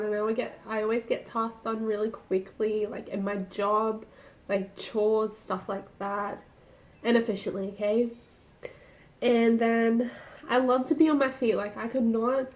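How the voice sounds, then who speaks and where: A fairly high-voiced woman chats on her own podcast, peppering her talk with "like" and small laughs. She speaks into a tablet's built-in mic, so the sound is roomy and somewhat dull. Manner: chatty, many "like" fillers, laughs at herself. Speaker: podcast host. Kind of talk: casual solo podcast chat.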